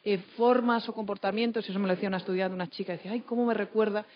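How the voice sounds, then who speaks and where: Rapid-fire and fairly even in intonation, a medium-pitched woman from Madrid with a Spain Spanish accent talks as a teacher in an unscripted panel discussion. Her style is chatty and anecdotal, full of tag questions, captured in a dull, lo-fi event recording.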